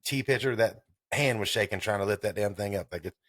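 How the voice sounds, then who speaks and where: A man's voice: on the low side, fast talker, a bit bright, no room sound, clean studio sound. A man in his thirties hosting a casual sports podcast, rambling and swearing in a laid-back way. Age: 30s. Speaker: podcast host.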